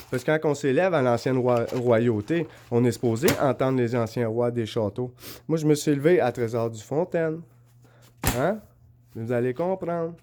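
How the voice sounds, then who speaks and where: A man with a Québécois French accent talks straight to camera in a rambling, insistent monologue. He keeps asking whether he is understood and holds up his notes and drawings as he goes. His voice sits at an ordinary middle pitch for a man. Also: darkish tone, slight background noise. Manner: shows notes and drawings while talking. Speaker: vlogger.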